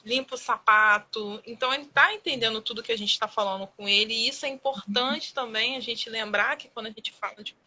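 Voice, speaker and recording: Bright, animated Brazilian woman. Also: on the high side, brisk, hardly any pauses, low-quality recording. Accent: Brazilian Portuguese. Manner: animated storytelling, acting out her child's words. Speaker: guest mother. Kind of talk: live-stream conversation.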